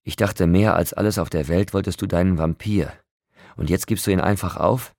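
A man's voice: deep voice, fairly even intonation, moderate pace, creaky, a little mellow, dry recording, studio quality. A man reading an audiobook, voicing an upset young man who urgently pleads with a friend. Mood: pleading.

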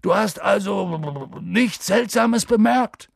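A man voicing a huge, gruff half-giant gamekeeper in an audiobook, with a rough, grim and wary way of talking. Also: medium pitch, lively intonation, a little slow, full character voice. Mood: impatient. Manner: grim, wary, gets loud and impatient. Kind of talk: audiobook character voice.

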